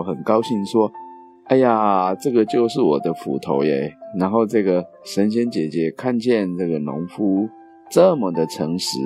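A man narrating children's stories in an animated way, with sound effects and playful repetition. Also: lowish voice. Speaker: storyteller.

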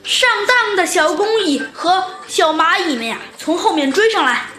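A woman narrates a children's story in a lively, chatty way. Her voice is very high and bright. The recording is roomy, with soft music behind. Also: normal speed. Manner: lively, chatty with filler particles. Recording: echoey room with background music.

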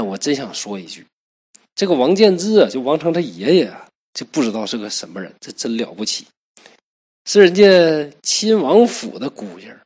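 A man's voice: a little high, husky. A man retelling a classic tale in a chatty way, with asides to the listener. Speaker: storyteller. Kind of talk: casual storytelling.

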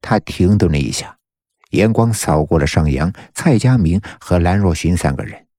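A man reading a novel aloud with steady, measured storytelling. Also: deep voice, no echo, clean studio sound. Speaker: audiobook narrator. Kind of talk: scripted novel narration.

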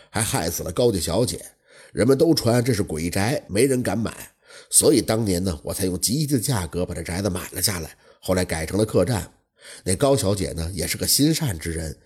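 A man doing a timid, hushed old innkeeper. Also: low-pitched, husky, pitched below the performer's own voice, exaggerated voice. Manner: hushed, apologetic, sighing.

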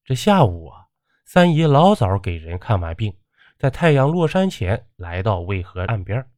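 Expressive male folk tale narrator. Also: lowish voice, moderate pace, no room sound, clean studio sound. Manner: expressive storytelling. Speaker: storyteller.

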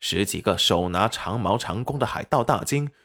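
A man narrating a serialized web novel audiobook with expressive storytelling. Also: fairly low pitch, normal speed.

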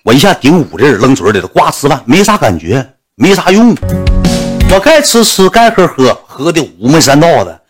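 A man's voice: mid-range voice, sing-song, a little fast, few pauses, over music. A man with a Northeastern Mandarin accent, a livestreamer telling a crude comic story full of sound effects.

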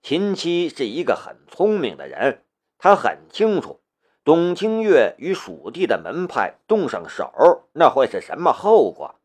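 Expressive male novel narrator. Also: on the high side, measured pace, breathy edge. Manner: expressive storytelling. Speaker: audiobook narrator.

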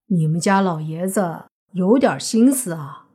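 A woman's voice: fairly low pitch, lively intonation, unhurried, mellow, husky. Woman voicing a cocky, aloof young man. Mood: dismissive.

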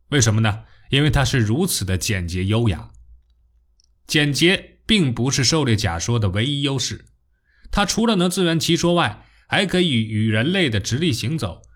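A man narrates popular science in the manner of a nature documentary. His mid-pitched voice moves through very animated rises and falls, stressing key phrases like a storyteller. The delivery is scripted and expressive. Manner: storytelling, with rhetorical questions and expressive emphasis.

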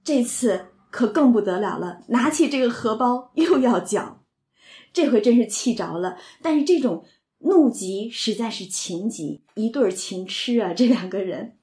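A woman talks through a classic novel in a relaxed, conversational way, retelling scenes and slipping into the characters' lines. Her voice sits a little high, and she leans on filler words as she explains. The recording carries a noticeable roomy echo. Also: measured pace. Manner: retells scenes, slips into quoted dialogue, frequent filler words. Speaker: literature commentator.

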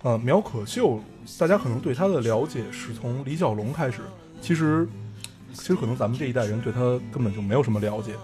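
A man's voice: mid-range voice, expressive, fast. A young man, chatting casually as co-host of a podcast about films. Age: young adult. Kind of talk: casual film chat. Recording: guitar music behind the talk. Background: guitar music.

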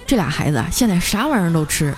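A woman hosting a comic storytelling show in a chatty, lively manner. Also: on the low side. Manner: lively, chatty, drawn-out particles. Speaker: radio story host.

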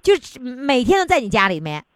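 Woman host, high-pitched, very lively intonation, teasing, inquisitive, casual interview. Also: fairly quick, no room sound.

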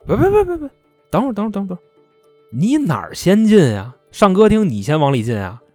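A man plays a sardonic village police officer who teases with a mocking, dry tone. His pitch swings widely, and the sound is close and dry. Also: huge pitch swings, quick pace, darkish tone, no room sound, soft background music, full character voice.

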